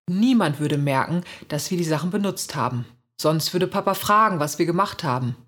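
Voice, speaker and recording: A woman reading a first-person children's story aloud in a lively, expressive way, with a husky voice. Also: fairly low pitch. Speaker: reader.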